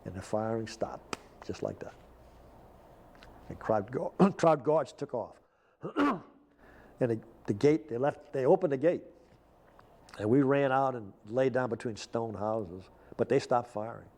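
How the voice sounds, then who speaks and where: An older man recalls his memories with vivid, descriptive detail. His voice sits at an ordinary middle pitch. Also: lively intonation, measured pace, pauses often, a little mellow. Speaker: former prisoner of war interviewee. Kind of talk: recounting memories.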